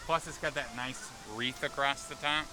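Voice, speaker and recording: A man's voice: mid-range voice, steady tone, normal speed, background noise. A man hosting a travel vlog, chatting and joking as he walks around an amusement park. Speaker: vlog host. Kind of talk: casual vlog narration. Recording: outdoor vlog with loud park music.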